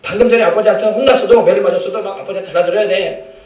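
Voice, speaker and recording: High, fast-preaching pastor in an echoey church. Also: male voice, fairly even intonation, darkish tone. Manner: emphatic preaching, calls for amen, acts out family quotes. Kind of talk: sermon. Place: church sanctuary. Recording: echoey church sound from a distant mic.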